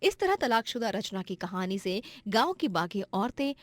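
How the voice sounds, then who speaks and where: A woman narrating an animated moral story in a steady scripted way. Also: mid-range voice, normal speed, dry recording, studio quality.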